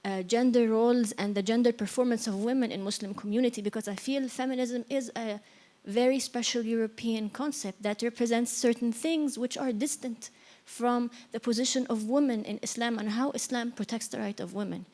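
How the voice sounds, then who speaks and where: Woman from Egypt, seminar audience member, high-ish voice, earnest, halting with fillers. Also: steady tone, a little mellow. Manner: hesitant, many fillers, earnest. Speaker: audience member asking a question. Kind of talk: hesitant spoken question at a seminar.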